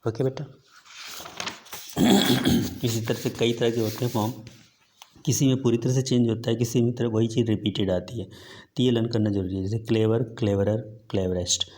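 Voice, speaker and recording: A man with an Indian accent teaching a grammar lesson with a sore throat. He reads English example sentences slowly, then explains them in Hindi with frequent fillers. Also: mid-range voice, fairly even intonation, darkish tone, slight background noise.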